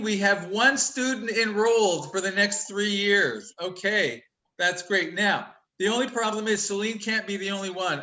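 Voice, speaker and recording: Over a video call, a male college instructor leads a laid-back online class. He's quick-talking, cheerful and talkative, and he loves joking around at his students' expense. The recording is poor, carrying his high, bright, pushed voice.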